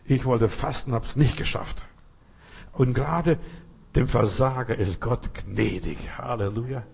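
Husky emphatic male preacher. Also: measured pace. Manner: talks straight to the listener, keeps asking "you understand?"; emphatic, with sudden rises in pitch and loudness. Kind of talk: sermon.

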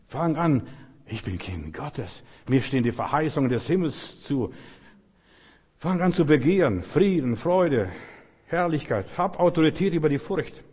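A man's voice: medium pitch, a little mellow, husky, in a large hall. A man preaching a sermon with emphasis, repeating his phrases and quoting scripture. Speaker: pastor.

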